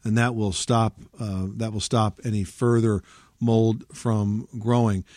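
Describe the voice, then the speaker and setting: A man's voice: on the low side, level tone, measured pace, darkish tone, no room sound. Male radio advice host, close dry sound. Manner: explanatory, instructive. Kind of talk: home improvement advice and upbeat show announcing.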